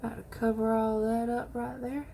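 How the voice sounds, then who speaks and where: A woman chatting excitedly to viewers while she does her makeup in a casual tutorial. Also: a little high, moderate pace, a little hiss or hum. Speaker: beauty vlogger.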